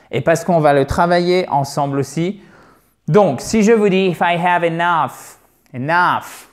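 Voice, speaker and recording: A man teaching English pronunciation in a video lesson, lively and repeating words to drill them. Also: on the high side.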